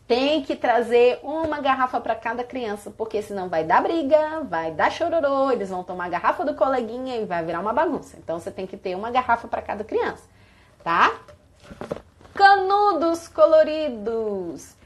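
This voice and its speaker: A high-voiced Brazilian woman teaching other teachers on a live stream. She talks animatedly as she shows props and breaks into little sung greetings. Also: animated, brisk, a little hiss or hum. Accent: Brazilian Portuguese. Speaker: early childhood teacher.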